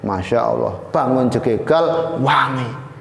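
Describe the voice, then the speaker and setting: A male preacher telling a story in a lively, dramatic way, with an East Javanese Indonesian accent, at a live study gathering. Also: medium pitch, takes it slowly, vocal fry, faint music behind. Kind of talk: storytelling religious lecture. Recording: echoey hall, faint ambience.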